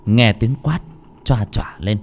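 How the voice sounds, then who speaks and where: A man narrating a ghost story in a dramatic, expressive way, moving between hushed and forceful. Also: on the low side, slow.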